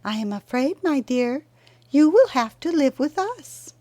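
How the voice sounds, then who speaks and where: Woman doing a gentle little old witch for a storybook: high, breathy, unhurried, with a voice that swoops, close and dry. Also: very animated, dry recording. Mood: kindly solemn. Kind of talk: storybook reading.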